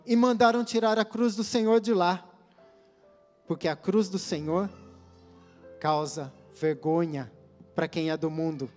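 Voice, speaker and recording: Fervent high-voiced male preacher. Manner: slow, fervent prayer with long pauses. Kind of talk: televised sermon and prayer. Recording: reverberant hall with soft music behind. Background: soft music.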